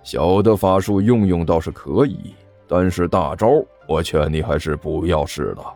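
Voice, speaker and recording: A man voicing an older male sect master, sly and coaxing, speaking slowly and placatingly in a storytelling narration. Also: low voice, darkish tone, faint music behind, voice pushed down. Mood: explaining. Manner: slow, drawn-out, placating. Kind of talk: storytelling narration with character voices.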